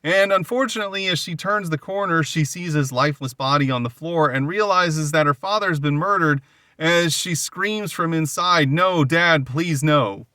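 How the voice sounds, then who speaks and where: A man's voice: on the high side, moderate pace, sharp tone, no echo, studio quality. A man hosting a podcast, casually retelling a comic book's story and loosely paraphrasing what the characters say. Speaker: podcast host. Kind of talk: casual comic book recap.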